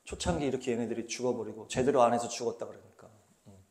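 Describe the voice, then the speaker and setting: A man's voice: medium pitch, fast, darkish tone. Male pastor preaching in a roomy hall. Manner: conversational, explains with rhetorical questions. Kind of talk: sermon. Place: small church hall. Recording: roomy echoing room.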